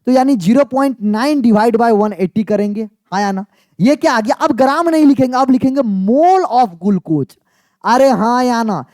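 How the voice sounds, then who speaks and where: A man's voice: extremely high pitch, lively intonation, a little slow, a little mellow, dry recording, clean studio sound. A man teaching chemistry in a chatty, teasing exam-prep lecture, often asking his students yes or no. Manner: playful, teasing, asks students yes or no again and again.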